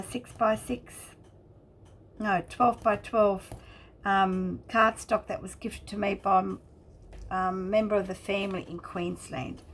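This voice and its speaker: A woman hosting a craft channel, talking casually and haltingly as she explains and shows each detail in a chatty walkthrough. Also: mid-range voice, a little hiss or hum. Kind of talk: casual craft flip-through narration.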